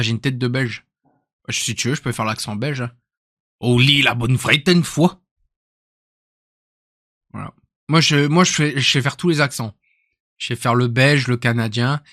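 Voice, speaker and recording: On a live stream, a young man from northern France chats casually and jokily in a northern French accent, rambling and often trailing off into mutters. His medium-pitched voice is fairly bright, with a measured pace and frequent pauses, recorded at studio quality without echo.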